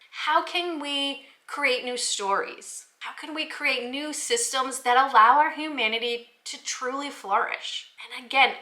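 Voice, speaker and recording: In an upbeat, scripted presentation for teachers, a woman running a children's book review channel explains things enthusiastically and speaks directly to viewers. Her fairly high voice comes across pushed and bright, with reverb around it.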